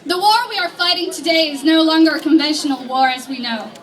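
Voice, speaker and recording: A woman's voice: sits high, brisk, very noisy. A young woman from Iraq, giving an earnest, emphatic rally speech with a few nervous restarts. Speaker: rally speaker and organizer. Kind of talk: outdoor rally speech, partly read from notes. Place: outdoor protest rally. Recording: distant mic with crowd behind.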